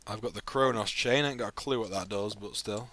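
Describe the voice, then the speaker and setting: A man's voice: fairly low pitch, brisk, pushed and bright, a little hiss or hum. A man in his thirties from England, tired and rambling in casual chat while streaming a video game live. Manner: tired, rambling, laid-back. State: sleepy. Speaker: gaming streamer.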